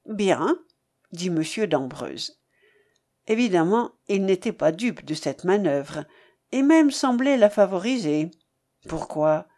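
A woman with a lowish voice narrates a classic novel for an audiobook, reading in a measured, expressive way.

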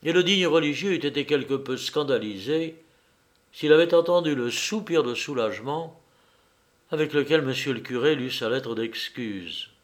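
A man narrating a story in a measured, expressive reading. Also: mid-range voice.

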